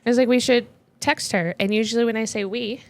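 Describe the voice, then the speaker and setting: A woman's voice: on the high side, steady tone, quick pace. A young adult woman co-hosting a podcast, talking about a book in casual chat and laughing often. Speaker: podcast co-host.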